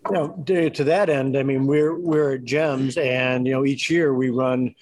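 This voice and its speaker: A man's voice: mid-range voice, fairly even intonation, unhurried, a crowd in the background, poor audio. A man speaking in a casual panel discussion, thinking aloud with lots of "you know" and "I mean". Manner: thoughtful, many fillers like "you know".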